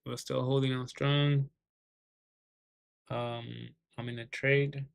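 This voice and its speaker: A man's voice: mid-range voice, flat delivery, slow pace, vocal fry. A man giving casual, rambling market commentary, swearing heavily and often restarting his sentences. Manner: profane, rambling, heavy swearing; repeats words and restarts often.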